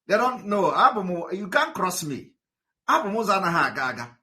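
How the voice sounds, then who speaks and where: A fast-talking man with a high voice makes big pitch swings, his tone bright and forceful. He speaks to his followers on a livestream, moving between English and Igbo. His delivery is combative, full of stumbles over repeated words and fillers.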